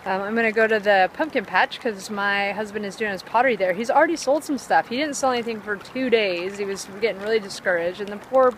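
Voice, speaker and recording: Casual woman vlogger, mid-pitched, chatty and excitable, heavy on fillers, recorded outdoors on a handheld phone with faint background noise. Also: quick pace, few pauses, low-quality recording. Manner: excitable and upbeat. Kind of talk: casual vlog chat. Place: outdoors by a river.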